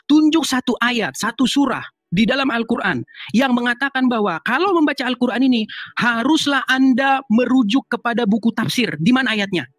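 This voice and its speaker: A man's voice: extremely high pitch, expressive, moderate pace, fairly bright tone, no room sound. A man in a heated online religious debate, insistent and exasperated, lecturing his opponent.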